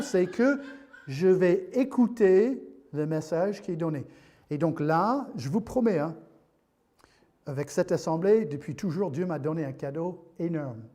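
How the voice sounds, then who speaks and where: Guy preaching in church, high mellow voice, joking around, lots of restarts. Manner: jokey, halting, with many restarts. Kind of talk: sermon.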